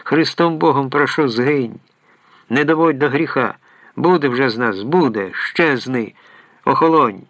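A man's voice: fairly low pitch, fairly even intonation, moderate pace, fairly bright tone, no room sound, natural voice. A man voicing a nervous, jumpy male friend in an audiobook, speaking in a raised, anxious, pleading way. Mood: pleading shout. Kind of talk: audiobook character voice.

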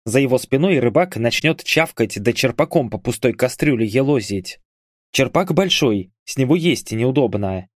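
A man reading an audiobook aloud as narrator, with expressive, lively storytelling. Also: medium pitch, moderate pace, dry recording, clean studio sound.

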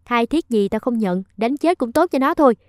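A woman's voice: mid-range voice, expressive, fast talker, dark tone, dry recording, clean studio sound, close to an everyday voice. A woman doing a harsh, bossy older matriarch. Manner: bossy, scolding. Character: harsh domineering older mother-in-law.

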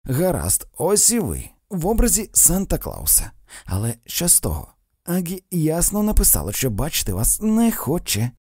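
A man's voice: on the high side, wildly swooping pitch, measured pace, warm tone, no room sound, studio quality, voice pushed up, heavily acted. Man doing a domineering, mocking young woman. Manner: mocking, overbearing.

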